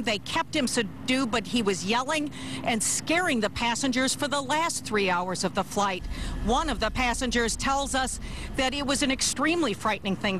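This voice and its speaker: An American woman giving a live television news report as a reporter. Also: fairly high pitch. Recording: noisy outdoor live report, traffic hum.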